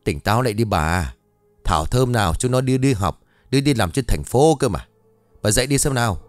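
A man's voice: on the low side, animated, a little fast, dry recording, soft background music, natural voice. A man voicing an irritated older village husband who scolds and grumbles at his wife.

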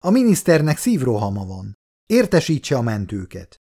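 Man voicing a steady general, low and quiet, measured, firm. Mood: calm. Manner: calm, measured. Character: calm male general, composed and firm.

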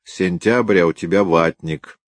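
A man's voice: low voice, no room sound. Man voicing a musing veteran detective. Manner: musing, unhurried. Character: seasoned, thoughtful senior police detective, man.

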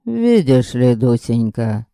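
A sly, ironic young cousin from a storybook, his voice dropped low and dark, as a male reader plays him. He drawls his teasing remarks in a dry, close sound. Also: very animated, slow pace, smooth, dry recording.

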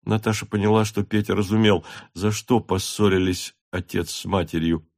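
A man narrating a classic novel aloud in a measured, expressive reading. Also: fairly low pitch, vocal fry, no echo, studio quality. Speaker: audiobook narrator. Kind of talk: scripted narration.

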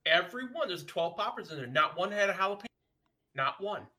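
A man on a casual podcast, insistent and profane as he tells a story and hammers his point again and again. His voice is bright and forceful, a little high, with lively swings in pitch. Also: fast talker. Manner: emphatic, profane storyteller, repeats himself. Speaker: podcast co-host. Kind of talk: casual chat.

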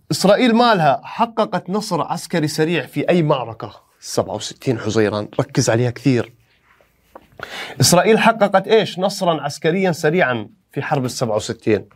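Fast, animated history teacher. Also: male voice, on the high side. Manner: animated, rhetorical questions, playful skits. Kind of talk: exam review lesson.

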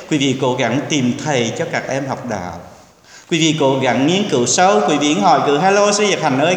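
A man, a Buddhist monk, giving an earnest, exhorting sermon to a temple congregation, now and then dropping in English words. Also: medium pitch. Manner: earnest, exhorting, acts out quoted speech. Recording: echoey hall with long reverb.

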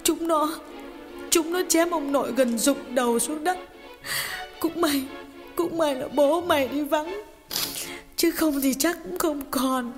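A woman's voice: mid-range voice, animated, moderate pace, natural voice. A woman voicing a grieving mother telling her story. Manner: sorrowful storytelling, emotional. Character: grieving middle-aged mother recalling tragedy. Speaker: audiobook voice actor. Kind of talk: audiobook drama reading. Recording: long reverb with faint music.

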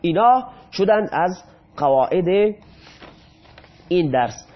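A man with a high, very animated voice leads a grammar lesson. He fires off questions to the class and answers them himself, reciting verb forms one after another. The recording sounds dull and lo-fi. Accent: Iranian Persian. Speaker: Arabic grammar teacher.

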